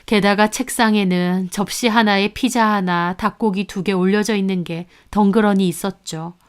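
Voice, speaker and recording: A woman narrating a first-person family story in a calm, confessional storytelling manner. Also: mid-range voice, moderate pace, smooth.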